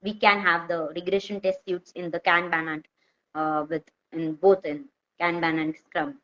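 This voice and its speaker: A woman with a North Indian accent explaining informally with examples, in halting, repetitive phrases that she often corrects as she goes. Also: on the low side, flat delivery, a bit bright. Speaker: software testing expert, guest speaker. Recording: dull, lo-fi audio.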